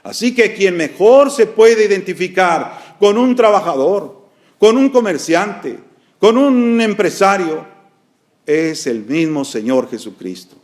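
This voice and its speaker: A middle-aged man preaching a sermon as pastor, earnestly calling his listeners brothers. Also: sits high.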